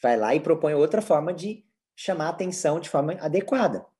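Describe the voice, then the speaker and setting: A man's voice: fairly high pitch, animated, a little fast, mellow. A man with a Brazilian Portuguese accent giving a lecture as a psychologist, teaching step by step and answering his own rhetorical questions.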